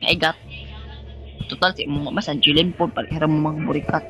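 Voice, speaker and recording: A man's voice: a little high, level tone, a little fast. A man giving campy, sassy commentary on a horror game, breaking into sudden shrieks. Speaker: gaming streamer.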